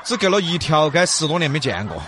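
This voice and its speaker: Animated Sichuanese man hosting radio banter. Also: on the high side, quick pace, slight background noise. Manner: colloquial, joking, animated. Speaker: radio talk show co-host. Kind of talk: casual banter, reading listener stories.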